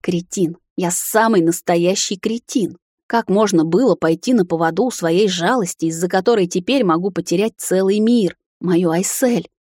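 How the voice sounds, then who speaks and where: A woman's voice: lowish voice, normal speed, a little mellow, dry recording. A woman narrating a fantasy romance novel in a dramatic first-person reading on a close mic. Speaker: audiobook narrator. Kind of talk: scripted narration.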